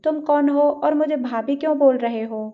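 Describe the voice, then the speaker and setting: A woman's voice: high-pitched, normal speed, lightly acted. A woman voicing a determined young woman who speaks earnestly and pleads for help. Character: determined young woman, worried for her family. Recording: dull lo-fi recording.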